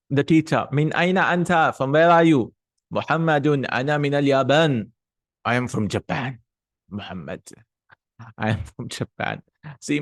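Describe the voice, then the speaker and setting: A man's voice: mid-range voice, no room sound. A man giving a recorded language lesson, patiently explaining words and drilling lists aloud, with chatty asides along the way. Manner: chatty asides, laughs at himself. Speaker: Arabic teacher.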